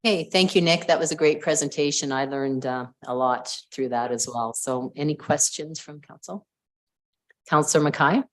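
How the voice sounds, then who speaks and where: A woman chairing a city council meeting, brisk and polite as she calls on speakers. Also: sits low. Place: council chamber.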